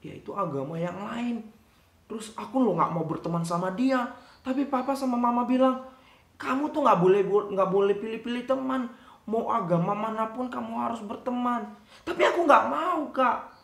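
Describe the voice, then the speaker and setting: A man's voice: very high-pitched, normal speed, creaky, reverberant, pitched above the performer's own voice. A man voicing a stubborn young child who whines and protests insistently. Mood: whiny. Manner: whining, insistent, rising protests.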